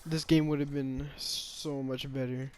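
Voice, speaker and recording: A man's voice: medium pitch, flat delivery, unhurried, a little mellow, smooth, dry recording. A man giving a casual, rambling opinion monologue about a game, often hesitating, restarting and sighing.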